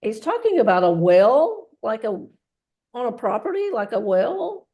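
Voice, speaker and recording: A woman working as a medium, relaying a spirit's messages in a halting way, often repeating words. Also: a little high, big pitch swings, muffled recording. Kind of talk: mediumship reading.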